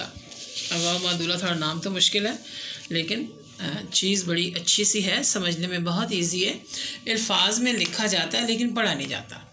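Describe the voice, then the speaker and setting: A woman teacher explaining a script lesson slowly and patiently, repeating example words for learners to follow. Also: lowish voice, sharp tone, slight background noise. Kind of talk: classroom lesson on Urdu script.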